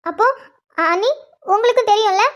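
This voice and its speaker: Very high cartoon little sister, pleading and teary. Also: female voice, normal speed, highs cut off. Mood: upset. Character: young woman, tearful pleading younger sister Athithi. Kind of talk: cartoon voice acting.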